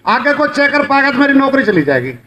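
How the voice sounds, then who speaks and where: Man, rally speaker: very high, sharp, forceful delivery, mocking and full of folksy tales. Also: very animated, fast, poor audio. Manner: rhetorical, mocking, storytelling. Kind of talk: rally speech with folksy anecdotes. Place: outdoor protest rally.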